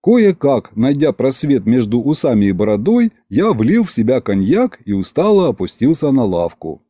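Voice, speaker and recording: Casual: guy reading a funny audiobook, animated, warm dark tone. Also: medium pitch, moderate pace, no echo, clean studio sound. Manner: expressive, wry. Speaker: audiobook narrator. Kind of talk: first-person audiobook narration.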